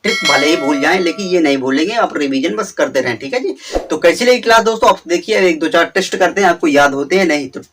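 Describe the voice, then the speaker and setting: A man's voice: fairly high pitch, animated, fairly bright tone, recorded from a distance, slight background noise. A man teaching geography with memory tricks, repeating words and checking in often with his students. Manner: repetitive, drawn-out emphasis, frequent "theek hai". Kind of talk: exam memory-trick lesson.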